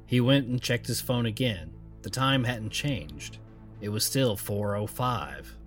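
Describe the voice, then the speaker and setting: A man narrating a scary story in a calm, measured voice. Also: lowish voice, faint music behind. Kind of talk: scripted narration.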